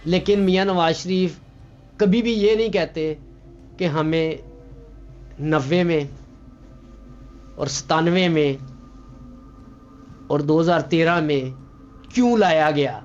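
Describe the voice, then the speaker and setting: Male talk show host, high voice, probing questions, slightly muffled audio with faint music. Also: pauses often, a little mellow. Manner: probing, pushes back with follow-up questions. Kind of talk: interviewing a guest on a political talk show.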